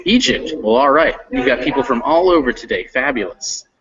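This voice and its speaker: A man with a slightly high voice leads an online English reading lesson from an unfamiliar classroom, sounding friendly yet a little unsure and leaning on fillers. He talks a little fast with huge pitch swings and vocal fry. The lo-fi audio picks up crowd noise.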